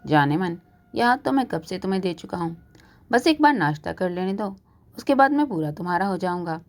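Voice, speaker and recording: A woman's voice: fairly low pitch, very animated, a little fast. A woman voicing a playful middle-aged male doctor who jokes his way through being scolded by his wife, in a told storybook. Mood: teasing. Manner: joking, easygoing.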